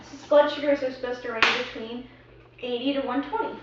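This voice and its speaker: A woman's voice: high-pitched, fairly even intonation, brisk, heavy background noise. A young woman in a casual student video skit, explaining in a chatty, playful way. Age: young adult. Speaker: student presenter. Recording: echoey room, far from a dull mic.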